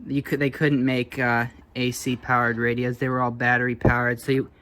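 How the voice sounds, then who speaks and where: Brisk and a bit bright, this man's mid-range voice shows little pitch movement. He's a hobbyist presenting vintage electronics, thinking out loud hesitantly and offhandedly during an informal, unscripted show-and-tell.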